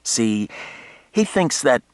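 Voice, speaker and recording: A man voicing a quick-witted young woman of about twenty in an audiobook, teasing and eager. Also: mid-range voice, big pitch swings, no room sound, voice pushed up. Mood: playful. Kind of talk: audiobook character voice.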